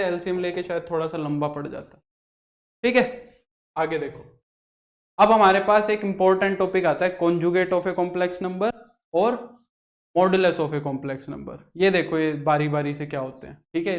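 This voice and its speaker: High-voiced male maths teacher. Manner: repetitive, asks students questions and answers them himself. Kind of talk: classroom lecture at a board.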